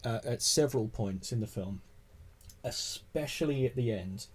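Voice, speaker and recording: A man's voice: medium pitch, normal speed, husky, low-quality recording. A man co-hosting a casual film discussion podcast, dry in tone, who pokes fun at movies with mocking asides. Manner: dry, mocks films with put-on voices. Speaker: podcast co-host.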